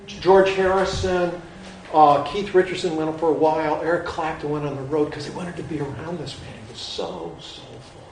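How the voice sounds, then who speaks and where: A man's voice: a little high, moderate pace, a little mellow. A man giving a digressive, musing lecture, often restarting his sentences. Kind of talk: rambling lecture. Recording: very echoey hall, from far off.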